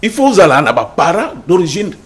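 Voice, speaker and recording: Man, husky voice, lively pitch, insistent, political debate panelist. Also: a little fast. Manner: animated, insistent, interrupts.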